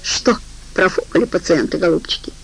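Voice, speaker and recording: A woman's voice: fairly low pitch, a little fast, husky, low-quality recording. A woman reading an audiobook, voicing a foul-mouthed, spiteful young woman who swears and mocks, tired and scornful. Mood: irritated, scornful. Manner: coarse, swearing, mocking.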